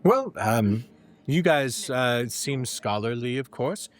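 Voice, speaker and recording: Guy doing a smug polite scholar gentleman from a magic door, very formal and eloquent, voice goes up and down a lot, fantasy rpg. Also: mid-range voice, expressive, slow pace. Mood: polite, intrigued. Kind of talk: in-character tabletop role-play.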